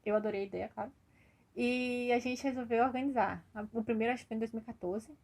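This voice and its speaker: A woman's voice: a little high, fairly even intonation, fast, a little mellow. A woman giving a casual, hesitant personal testimonial about organizing coding events, with an encouraging tone. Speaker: computer science student or graduate.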